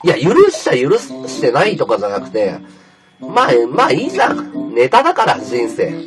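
A man streaming live, chatting casually in a rough, offhand way and answering viewers' comments aloud. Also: mid-range voice, huge pitch swings, normal speed, over music. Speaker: livestreamer. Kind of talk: casual livestream chat reading viewer comments.

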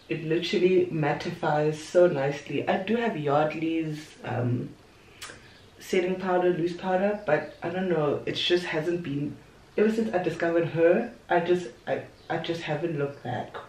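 Talkative and playful, a young beauty vlogger chats through a makeup tutorial at her bedroom vanity, throwing in asides as she applies products. Her voice is low-pitched and a little mellow. Because the camera is a little away on the desk, she sounds far off and a bit off-mic, with roomy echo and a little hiss or hum.

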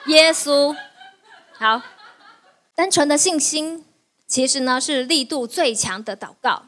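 A middle-aged woman pastor delivers a sermon in a high, bright voice. Her preaching is lively and playful, and she keeps tossing questions to the congregation and answering them herself, often laughing as she goes.

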